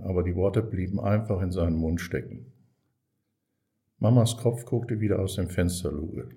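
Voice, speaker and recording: A man reading a children's story aloud as narrator, calm and measured. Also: deep voice.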